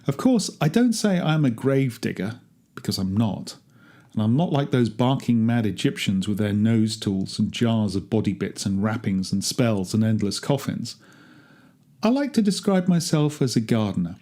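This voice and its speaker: Reading aloud in a dark, lowish voice with big pitch swings at normal speed, a man performs a dramatic monologue. His character is a grumbling gardener tending ancient tombs, wry, talkative and darkly funny.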